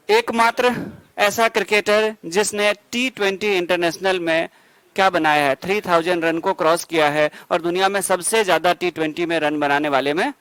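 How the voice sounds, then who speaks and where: Male coaching teacher, high pitch, dry close sound; rapid-fire quiz revision with jokey asides. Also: fairly bright tone, clean tone, no echo, low-quality recording. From India. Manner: quizzes students with quick questions and answers himself; asides and jokes between facts. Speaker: exam-prep teacher. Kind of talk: rapid current-affairs revision lecture.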